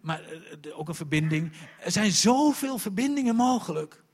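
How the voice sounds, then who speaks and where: Animated husky-voiced preacher man. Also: high voice, moderate pace. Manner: animated, emphatic storytelling preacher. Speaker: pastor. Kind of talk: sermon.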